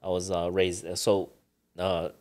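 In a casual interview chat, a retired boxer in his forties appears as a podcast guest, his first language being Ilocano. He tells stories in a laid-back, joking manner packed with fillers, his low, darkish voice moving unhurriedly with little change in pitch.

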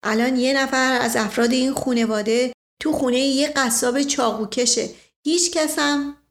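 A woman's voice: high voice, fairly even intonation. Woman doing a snide fidgety nobleman, sarcastic. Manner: sarcastic, needling. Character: restless, snide middle-aged nobleman.

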